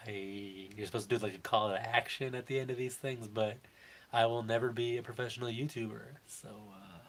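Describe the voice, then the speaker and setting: A man's voice: medium pitch, fairly even intonation, fairly quick. A middle-aged man with a nasal voice, chatting casually and self-deprecatingly on a live stream about toy collecting, rambling with many fillers. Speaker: toy collector and channel host.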